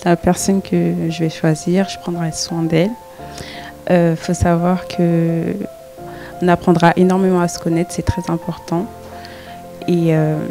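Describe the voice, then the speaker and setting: Gravelly earnest woman pitching herself. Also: dark tone. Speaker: contestant. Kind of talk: speaking to camera.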